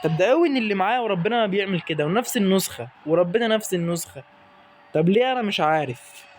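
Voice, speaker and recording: A young man with an Egyptian Arabic accent giving excitable, exasperated commentary over his own football gameplay. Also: high voice, very fast, slight background noise. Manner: excitable, exasperated, talks to the players on screen. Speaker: gaming YouTuber.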